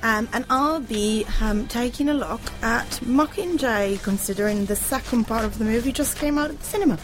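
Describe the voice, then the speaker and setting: A woman co-hosting a casual radio book discussion, speaking in a hesitant, thoughtful, halting way. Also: on the high side, over music, rough recording. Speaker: radio show co-host. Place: radio studio.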